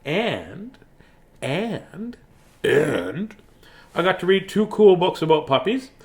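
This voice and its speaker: Taking his time, a man with a high, sing-song voice and some vocal fry reads a bedtime story to his audience. He keeps it casual, silly and playful, scatting in a singsong way like a kids' storyteller.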